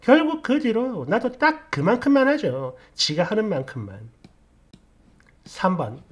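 A woman telling a story in a casual, blunt and sarcastic way, with an animated delivery. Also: medium pitch, measured pace, husky.

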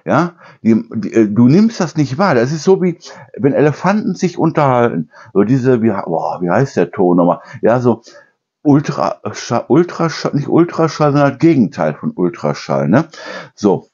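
A man's voice: medium pitch, a little mellow, slightly rough, muffled recording. A man hosting a casual kitchen chat, rambling and correcting himself as he goes. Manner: rambling, self-correcting, imitates noises. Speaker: channel host.

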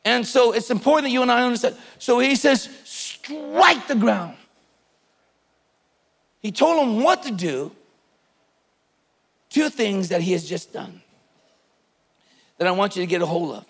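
A man's voice: sits high, normal speed, vocal fry, long pauses, in a large hall. A man preaching a sermon as pastor, retelling a scripture story emphatically and urging his listeners to take hold of it. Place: church sanctuary.

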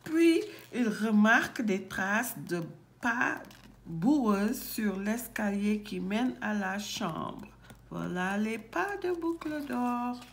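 Woman teacher, read-aloud storytime, unhurried, repeats and corrects words. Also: mid-range voice, slight background noise. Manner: slow, expressive with stops and self-corrections. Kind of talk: reading a picture book aloud.

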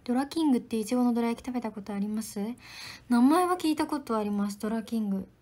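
A young woman with a voice sitting a little above the usual range chats through a casual livestream, answering viewers' comments one by one. She stays polite, with a lively, friendly tone. Every so often she drops into a soft whisper for quick asides to herself. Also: on the high side. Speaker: idol trainee livestreamer.

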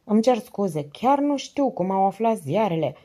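A woman's voice: mid-range voice, big pitch swings, warm tone, pitched above the performer's own voice. A woman reading the lines of a stern middle-aged male police commissioner in an audiobook, curt and businesslike on the phone. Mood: brisk.

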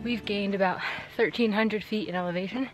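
A woman's voice: medium pitch, brisk, over music. A young woman in her twenties, chatty and upbeat, laughing often, filming a hiking vlog with a handheld camera outdoors. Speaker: vlogger. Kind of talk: casual vlog narration. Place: outdoors on a forest mountain trail. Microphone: handheld camera at arm's length.

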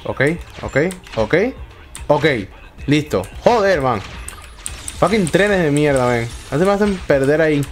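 A young man giving excitable let's play commentary, swearing often and talking to himself. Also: a little high, measured pace, faint music behind. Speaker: gaming YouTuber.

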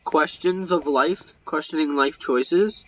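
A young man talks through his game in a slightly high, unhurried voice, swearing and grumbling at his teammates. He sits back from the mic, and faint game sounds hum behind him. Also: a bit bright, far from the mic, muffled recording. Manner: swears often, exasperated muttering at teammates. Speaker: gamer streamer. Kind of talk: live gameplay commentary. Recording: mic set back, faint background noise.

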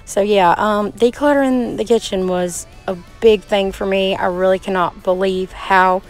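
A woman's voice: medium pitch, fairly even intonation, moderate pace, soft background music, poor audio. Chatty Southern woman cleaning her kitchen. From Georgia, US. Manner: chatty, folksy, talks to viewers while doing chores. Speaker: cleaning vlogger. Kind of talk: casual chat while cleaning. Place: small kitchen and living room of a trailer home.

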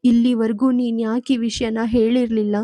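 A woman's voice: a little high, flat delivery, normal speed, mellow, no room sound, close to an everyday voice. A woman narrator voicing an aging mother who pleads and reproaches through sobs. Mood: tearful. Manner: sobbing, reproachful.

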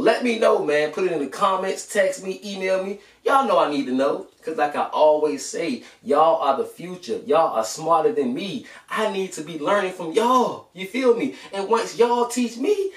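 A young adult American man with a higher-pitched voice hosts a children's bedtime read-aloud show from a small room at home. He chats casually to the kids and reads a storybook, speaking informally, using slang and addressing them familiarly. The recording is echoey, captured by a distant camera microphone.

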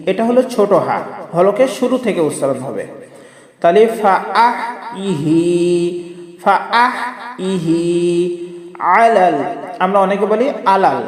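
A man teaching a prayer word by word, chanting each word slowly in a melodic way and then explaining the pronunciation rules quickly. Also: high-pitched, reverberant, in a large hall. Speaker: Quran recitation teacher. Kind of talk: word-by-word recitation lesson.

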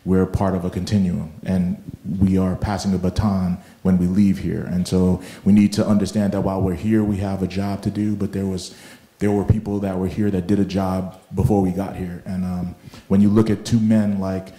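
A man speaking on a panel discussion, reflective and halting, with many fillers and restarts. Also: sits low, little pitch movement, mellow. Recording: roomy echoing hall.

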